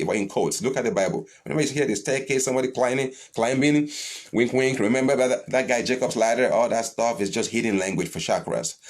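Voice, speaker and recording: A man delivers a live-streamed spiritual teaching and answers questions as they come in. He is blunt and animated, swears freely, and his voice leaps upward whenever he stresses a point. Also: medium pitch.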